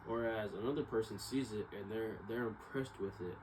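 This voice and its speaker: A man with a fairly low pitch talks briskly and casually, no script, drifting in a self-doubting ramble that keeps returning to the same ground. The recording carries clearly noisy ambient sound.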